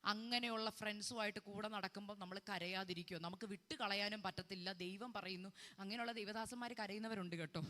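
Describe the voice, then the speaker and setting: A woman's voice: medium pitch, fairly even intonation, fast talker, few pauses, sharp tone. A woman preaching a sermon with fervor, crying out hallelujah and asking her listeners questions. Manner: fervent, cries hallelujah, asks the crowd many questions. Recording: long hall reverb.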